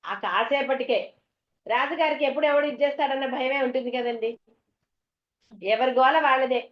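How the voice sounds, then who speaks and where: A woman's voice: sits high, moderate pace. A woman giving a devotional discourse to an audience, chatty and full of homely stories and questions to the listeners. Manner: conversational, tells homely anecdotes, asks the audience questions. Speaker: spiritual teacher. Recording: dull, echoey hall recording.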